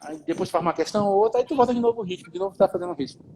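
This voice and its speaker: A man's voice: high-pitched, rapid-fire, darkish tone, a little hiss or hum, low-quality recording. A man with a Brazilian accent telling his story in a casual live interview, informal and swearing as he goes, often repeating himself. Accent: Brazilian Portuguese. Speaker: guest.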